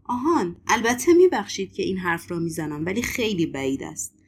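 A woman's voice: fairly low pitch, expressive, slight background noise. Woman reading as a skeptical, irritated man.

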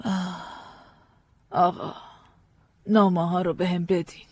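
A woman's voice: mid-range voice, a little mellow, no room sound, lightly acted. A woman voicing a frightened, guarded wife who speaks hesitantly and pleads, in a dry audiobook recording. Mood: anxious. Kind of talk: audiobook drama reading.

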